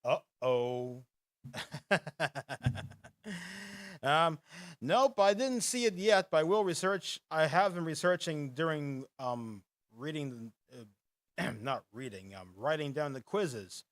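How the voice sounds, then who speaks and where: The host of a casual live podcast reads quiz questions between rambling chat and frequent laughter. His radio-style voice is booming and expressive, and he speaks slowly with many pauses.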